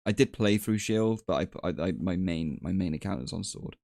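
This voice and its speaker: A man's voice: low voice, moderate pace, creaky, a little mellow, no echo, studio quality. A man guesting on a live stream, easygoing and stumbling over his words. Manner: stammering restarts, easygoing. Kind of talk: casual chat.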